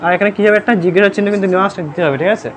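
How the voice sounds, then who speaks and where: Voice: medium pitch, racing. A grammar teacher giving a live classroom lesson, constantly quizzing pupils, checking they understand and spelling words out letter by letter. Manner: sternly scolds noisy pupils.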